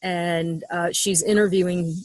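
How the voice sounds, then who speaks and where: A woman's voice: fairly low pitch, steady tone, unhurried, a little mellow, dry recording, poor audio. A middle-aged woman speaking as a sex educator in an interview, frank and matter-of-fact, with frequent ums. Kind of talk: interview conversation.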